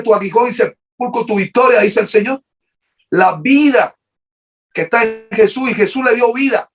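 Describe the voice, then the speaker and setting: A man preaching an emotional sermon as pastor, fervent and repetitive, often restarting his sentences. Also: very high-pitched.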